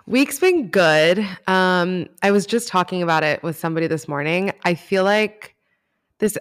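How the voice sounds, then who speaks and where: A woman's voice: fairly low pitch, expressive, normal speed, clear, resonant tone. Chatty woman writer from Miami. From Miami, United States. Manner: chatty, rambling with fillers. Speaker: podcast guest, writer. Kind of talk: casual interview chat.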